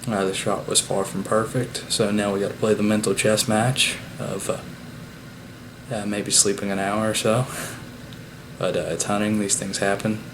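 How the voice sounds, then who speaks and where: A man hosting a casual hunting vlog, recapping the day at home in a relaxed, unhurried way with plenty of "uh" fillers. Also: fairly low pitch. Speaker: bowhunter and channel host. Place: at home after the hunt. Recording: steady background noise.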